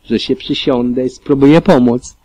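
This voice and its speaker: A man reading an audiobook, voicing a friendly, teasing male pegasus stallion in a warm tone. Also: mid-range voice, steady tone, moderate pace, close to an everyday voice. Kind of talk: audiobook reading of fan fiction.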